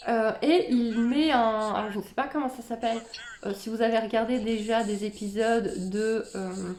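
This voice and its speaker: Woman, casual reaction commentary, chatty and musing, slightly high pitch, echoey room. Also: fairly even intonation, moderate pace, a little mellow, slight background noise. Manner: musing, chatty, reads captions aloud then comments. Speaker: spiritual content creator reacting to videos.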